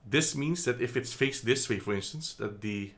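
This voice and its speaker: Indoors, on a phone camera, a Dutch man casually reviews a product in a mid-range, slightly bright voice at a moderate pace. His delivery is chatty and hesitant, with many ums and self-corrections.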